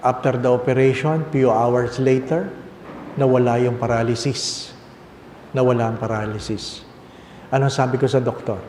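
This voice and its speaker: An older man in his sixties with a Filipino accent, preaching a personal testimony as a priest. His voice is mellow and unhurried, and he often repeats phrases for emphasis. The sound rings with the long reverb of a large hall, under faint ambient noise. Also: medium pitch, steady tone. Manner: switches between Tagalog and English, repeats phrases for emphasis.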